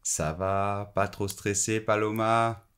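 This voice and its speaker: A man's voice: fairly low pitch, flat delivery, slow pace, a bit bright, smooth. A man playing a chatty, self-mocking student radio host interviewing a guest in a scripted French lesson. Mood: upbeat. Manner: upbeat, friendly interviewer.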